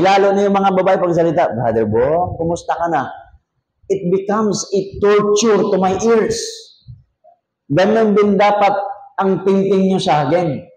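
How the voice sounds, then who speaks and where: Pastor guy from mindanao preaching in a church, loud and jokey, lots of room echo. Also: sits high, muffled recording. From Mindanao, Philippines. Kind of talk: sermon.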